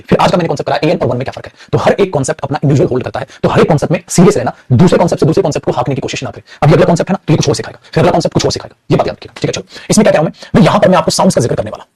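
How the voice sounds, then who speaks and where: A man's voice: on the high side, expressive, racing, few pauses, a little mellow, husky, no room sound. A man teaching an English grammar lesson in Hindi, calling his students beta and repeating his points with emphasis, with a Hindi accent on English words.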